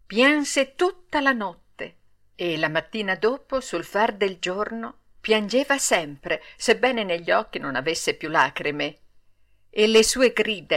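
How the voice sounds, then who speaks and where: A woman narrating a classic children's story in a measured, expressive reading. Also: medium pitch. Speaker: audiobook narrator.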